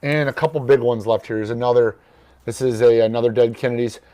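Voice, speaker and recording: A man hosting a record store's morning show, casually talking through records and their prices in an offhand, relaxed way. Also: medium pitch, quick pace.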